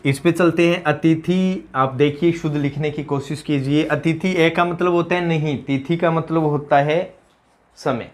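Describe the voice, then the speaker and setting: A man's voice: on the high side, steady tone, measured pace. A young man who teaches an exam-prep lesson in a chatty way, repeating key words and slipping into local dialect jokes.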